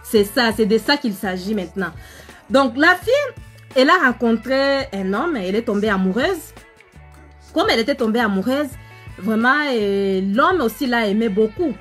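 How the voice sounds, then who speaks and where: A woman's voice: on the high side, moderate pace, faint music behind. A woman with an African French accent, hosting a live stream as a relationship coach, chatting with viewers and telling a story. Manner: chatty, animated, addresses viewers directly, many fillers.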